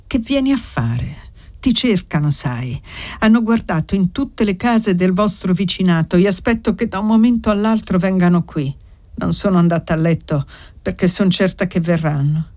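A woman's voice: on the low side, normal speed, a little mellow, lightly acted. A woman voicing a protective older village woman in an audiobook, warning in urgent, cautioning tones. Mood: anxious.

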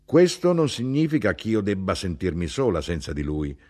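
A man reading the part of a blunt, indignant middle-aged mother who talks in a sharp, insistent way. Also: very animated, normal speed. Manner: sharp, insistent, rising in pitch.

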